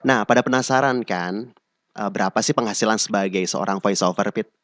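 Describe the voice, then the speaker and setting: A man hosting a casual interview, asking questions in a relaxed way. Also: fairly low pitch, a little fast. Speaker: host.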